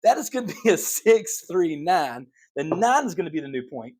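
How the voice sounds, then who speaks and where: Excitable man calling craps rolls. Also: on the high side, normal speed, slightly rough. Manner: excitable, calls rolls like a dealer, chatty asides to viewers. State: out of breath. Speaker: craps channel host demonstrating strategy. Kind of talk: casual table-game demonstration.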